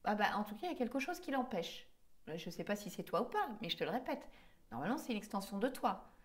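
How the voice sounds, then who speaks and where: A woman's voice: medium pitch, big pitch swings, fast. A woman hypnotherapist guiding a regression session, pressing her subject with insistent, probing questions.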